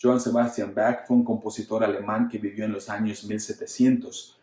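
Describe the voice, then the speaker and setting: A man's voice: fairly low pitch, little pitch movement, fairly quick, warm tone, reverberant. A man preaching a sermon earnestly, repeating words for emphasis and addressing the congregation as brothers. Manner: earnest, addresses listeners formally as usted and hermanos. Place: church.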